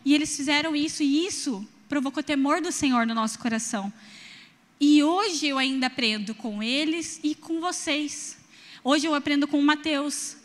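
A young Brazilian woman preaching, telling personal stories in an animated way and speaking straight to the congregation. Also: high-pitched, normal speed, long reverb tail. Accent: Brazilian Portuguese. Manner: animated storytelling, addresses the congregation directly.

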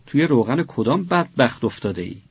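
A man reading a story voices a grieving, stern middle-aged father in a husky, gravelly voice, in a dull, muffled recording. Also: mid-range voice, very animated, no echo, heavily acted. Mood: scolding. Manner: pleading, anguished repeated commands.

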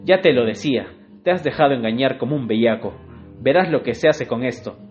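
A man's voice: mid-range voice, animated, a little fast, darkish tone, lightly acted. A stern, blustering father of a family, as a man reads him aloud in a storybook telling. He scolds and huffs with pompous authority over a faint bed of guitar. The recording is dull and lo-fi. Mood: scolding. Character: stern middle-aged father, proud and quick-tempered. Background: faint guitar music.

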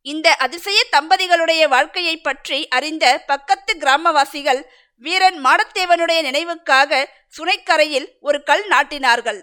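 Storybook narrator: woman, bright and sharp tone, dramatic measured reading. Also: high-pitched.

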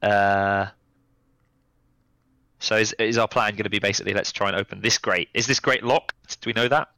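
Guy playing d&d, lowish bright voice, dry close mic, chatty. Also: steady tone, no echo, low-quality recording. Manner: chatty, quick to laugh, thinks aloud. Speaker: player. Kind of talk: casual tabletop game chat.

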